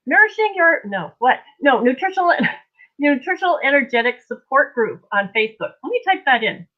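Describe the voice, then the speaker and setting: High-voiced woman, rambling, on tinny audio. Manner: rambling, scattered, informal. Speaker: host, energy healer. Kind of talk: casual live-stream guided energy healing session. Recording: tinny, narrow phone-like audio.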